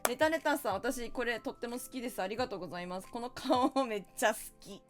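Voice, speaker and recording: A woman's voice: fairly high pitch, quick pace, over music. A woman streamer chatting casually while playing a party game, playful and teasing with mock-indignant outbursts.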